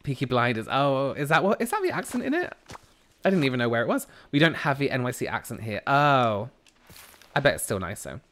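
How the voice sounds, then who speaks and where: Speaking briskly into a headset with a boom mic, a chatty English streamer with a South London accent games in a small room at home and reads his chat aloud. He's animated throughout, and excitement sends his voice up into a high squeal.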